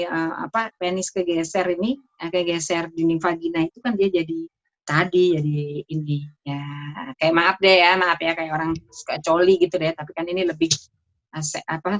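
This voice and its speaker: A middle-aged woman doctor giving a casual talk on marriage health to an audience, chatty with lively asides. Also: lowish voice. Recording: dull lo-fi sound.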